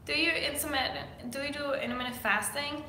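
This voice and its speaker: A young Danish woman with a Danish accent, a fitness coach, answers viewer questions in a casual Q&A vlog filled with fillers. Her high-pitched voice is brisk, steady and sharp, recorded in an echoey room with slight background noise.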